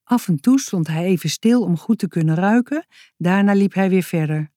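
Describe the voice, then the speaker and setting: A woman reading a children's book aloud in a calm, measured narrating voice. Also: on the low side, no room sound, studio quality.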